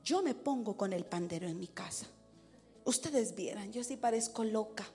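A woman preaching to her congregation in an animated way, breaking into war cries and sounding out drum beats. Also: mid-range voice, normal speed, soft background music. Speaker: preacher teaching tambourine and worship dance. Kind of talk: lively sermon to a congregation.

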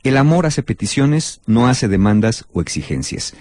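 Man, talk host, relationship advice, animated, acts out quotes, mid pitch, dry close sound. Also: moderate pace, dry recording.

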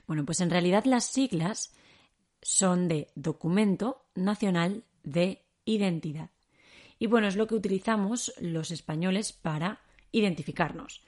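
A woman from Spain with a Spain Spanish accent, teaching a podcast lesson and repeating words slowly for learners. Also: on the low side, a little mellow.

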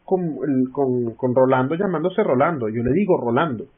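A man's voice: medium pitch, moderate pace, slightly rough. A man co-hosting a casual podcast, explaining things at length with many restarts. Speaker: podcast co-host. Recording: tinny online call audio.

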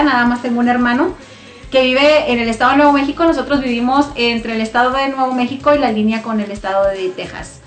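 A woman in her thirties from Chihuahua with a northern Mexican accent, talking about her faith as a guest in a radio interview, chatty and full of fillers. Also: on the high side. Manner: warm, chatty, laughing, many fillers. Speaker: guest singer and missionary. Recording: roomy studio with faint music.

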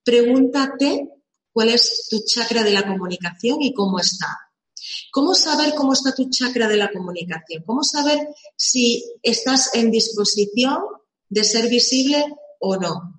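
Her voice is fairly high, expressive, and unhurried as she leads a live session on visibility. The motivational talk leans on rhetorical questions and repeated words for emphasis, recorded with a roomy echo.

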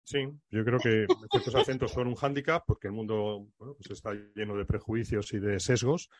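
A man hosting a podcast, asking questions in a measured, reflective way and backing up his guest with frequent murmurs of agreement. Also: on the low side, steady tone. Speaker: podcast host. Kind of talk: casual podcast conversation.

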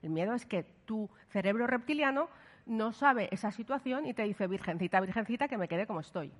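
A woman gives a lively talk in a lecture hall, and the long reverb trails after her words. She speaks at a medium pitch, turns to the audience with questions, and checks in with them often. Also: brisk. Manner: lively, asks the audience questions, frequent "¿vale?". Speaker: speaker giving a workshop talk.

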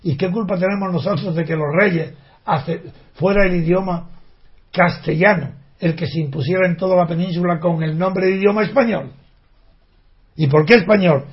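A man's voice: sits high, moderate pace. A man giving an impassioned, indignant monologue, full of rhetorical questions and restarts. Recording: dull lo-fi recording.

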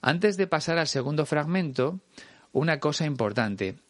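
Speaking straight to the listener, a man from Spain teaches a language lesson with a Spain Spanish accent, explaining things patiently and clearly. His voice is on the high side with lively intonation and a moderate pace, and there's no room sound.

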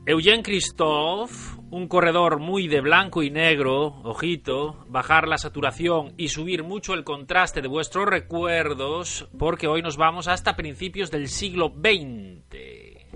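A man's voice: a little high, expressive, takes it slowly, pushed and bright, faint music behind. A man from northern Spain with a Spanish accent, presenting a story like a showman and addressing listeners directly. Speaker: podcast segment presenter, storyteller. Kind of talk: theatrical storytelling radio monologue.

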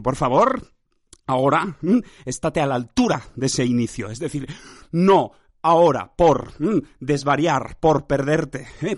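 A man's voice: a little high, no room sound, studio quality. A man from hosting an absurd improvised monologue, speaking theatrically and emphatically and tagging phrases with "¿eh?", as if he were directing himself. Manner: addresses himself by name like a stern director. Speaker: host.

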